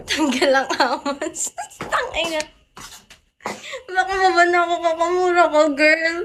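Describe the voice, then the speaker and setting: A young woman on a live stream, breathless and excitable, squealing and laughing as she thanks her viewers. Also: very high-pitched, takes it slowly, background noise. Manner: excitable, squealing, laughing, mixing English and Tagalog. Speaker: livestreamer.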